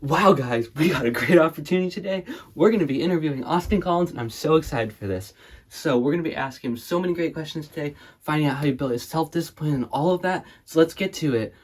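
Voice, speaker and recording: A man playing an overexcited male interviewer in a comedic skit, gushing and shouting with over-the-top enthusiasm. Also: fairly high pitch, quick pace, husky, pitched above the performer's own voice. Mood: hyper excited.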